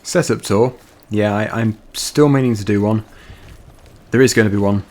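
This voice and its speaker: A man chats his way through a video game, rambling and laughing easily. His voice sits fairly low. The commentary is relaxed and unscripted. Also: normal speed. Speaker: let's play gamer. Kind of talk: casual gameplay commentary.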